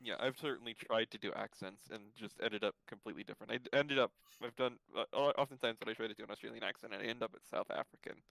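A man's voice: fairly low pitch, fast talker, gravelly, few pauses, fairly bright tone, rough recording. A man chatting about a film on a podcast, hesitant and self-deprecating. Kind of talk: casual film discussion.

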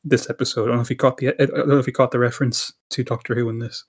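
Man, podcast co-host, casual chat, rambling, filler-heavy, mid pitch. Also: flat delivery, very fast, slightly rough. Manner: rambling with many fillers and restarts.

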